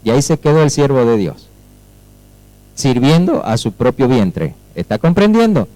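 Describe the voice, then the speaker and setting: A man's voice: medium pitch, big pitch swings, normal speed, mellow, poor audio. A male pastor with a Rioplatense Spanish accent, preaching emphatically and often asking the congregation whether they follow. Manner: emphatic, checks in with listeners through questions; acts out quoted dialogue with shifting voices. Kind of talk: sermon.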